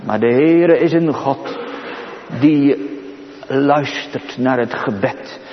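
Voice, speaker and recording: A man preaching a sermon to his congregation, solemn, rising to exclamations and dropping to hushed pleading. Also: medium pitch, very slow, a little hiss or hum. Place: church. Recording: dull recording with long church reverb.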